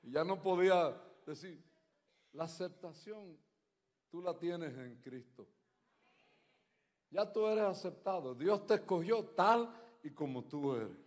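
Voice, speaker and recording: High-pitched preacher man in a reverberant hall. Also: expressive, slow pace, pauses often. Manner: swings from loud preaching to quiet storytelling. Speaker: pastor. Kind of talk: sermon with stories. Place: large church hall.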